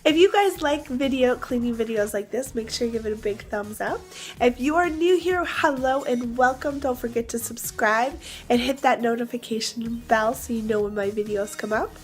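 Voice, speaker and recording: A woman's voice: fairly high pitch, normal speed, soft background music. Upbeat woman vlogger with a worn voice. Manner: upbeat, chatty, addresses viewers directly. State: voice partly lost. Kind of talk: casual cleaning vlog.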